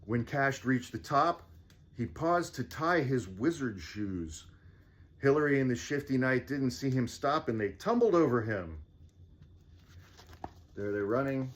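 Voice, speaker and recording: A man reading a children's storybook aloud as fireside storytelling, theatrical and deliberate, with casual asides. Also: medium pitch, lively intonation, a little hiss or hum. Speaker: storybook reader.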